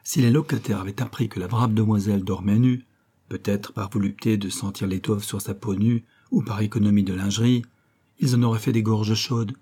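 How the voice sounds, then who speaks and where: Low husky male audiobook narrator. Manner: measured, even literary reading. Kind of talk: scripted narration.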